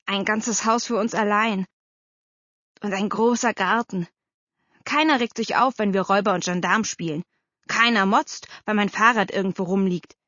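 A woman's voice: mid-range voice, normal speed, fairly bright tone, no room sound, lightly acted. A woman voicing a cheeky, eager young boy who teases and daydreams aloud, in a storybook reading. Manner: teasing, eager. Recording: slightly dull dry recording.

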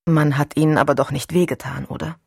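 A woman voicing a reserved, tired man in an audiobook, speaking in a calm, measured and gently persistent way. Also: low-pitched, vocal fry, slightly rough, dry recording, clean studio sound, exaggerated voice. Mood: gentle. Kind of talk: audiobook dialogue.

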